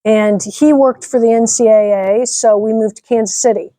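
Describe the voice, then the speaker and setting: A woman's voice: fairly high pitch, steady tone, moderate pace, dark tone, no echo. Upbeat middle-aged woman being interviewed. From Nebraska, United States. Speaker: nonprofit executive director. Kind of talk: interview conversation.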